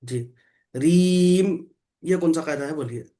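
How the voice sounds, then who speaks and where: A man's voice: on the high side, slow pace, dark tone. Male Quran teacher, online class, patient and methodical, asks and repeats questions. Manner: patient, explains rules step by step and quizzes the student. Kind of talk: online Quran recitation lesson.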